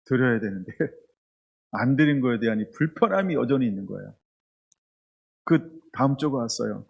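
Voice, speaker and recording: A man's voice: medium pitch, expressive, a little fast, vocal fry, husky, highs cut off. A man preaching a sermon as pastor, telling a candid, confessional story. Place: church.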